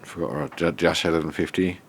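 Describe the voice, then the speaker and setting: A man's voice: low-pitched, fairly even intonation, quick pace, a little hiss or hum. A man with an Australian accent and a blocked, nasal voice, giving a casual, unscripted walk-through as he thinks aloud. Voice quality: stuffed-up, nasal from a blocked nose. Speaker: vlogger showing a self-built shed.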